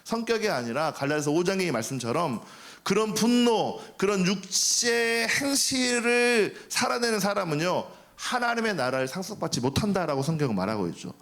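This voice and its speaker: A man's voice: high-pitched, big pitch swings, moderate pace, fairly bright tone. A man preaching a sermon as pastor, talking to the congregation in a conversational way, asking rhetorical questions and acting out the angry words of the people in his stories. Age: young adult. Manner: acts out quoted angry speech.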